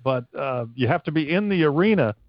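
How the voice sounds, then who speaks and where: A man's voice: fairly high pitch, animated, fairly quick, no echo, muffled recording. A man from the United States who works as a stadium announcer, answering interview questions casually and wordily, with stops and starts.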